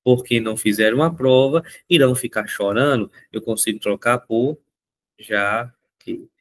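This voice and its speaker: A male teacher walks through a grammar lesson. He talks in a lively, coaxing way and repeats each rule to make it stick, his voice sitting at a middle pitch. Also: unhurried. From Northeast Brazil. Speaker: Portuguese teacher.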